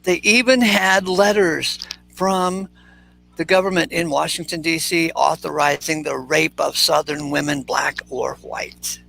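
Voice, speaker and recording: A man's voice: fairly high pitch, steady tone, a little slow, creaky, pushed and bright. A man in his sixties hosting a casual chat, talking bluntly and with energy, swearing freely. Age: 60s. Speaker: host.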